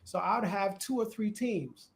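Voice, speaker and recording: A man with a Jamaican accent hosting a live church discussion, chatty and animated, laughing at times as he explains. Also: sits high, unhurried, creaky. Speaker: host. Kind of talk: casual discussion on church worship. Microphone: live stream.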